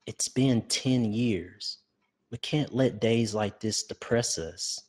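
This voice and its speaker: A man's voice: lowish voice, slow pace, a little mellow, slightly rough, pitched below the performer's own voice. A man voicing an earnest, determined young male ranger leader in a fan audiobook. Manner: firm, earnest, grieving but resolute. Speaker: audiobook narrator.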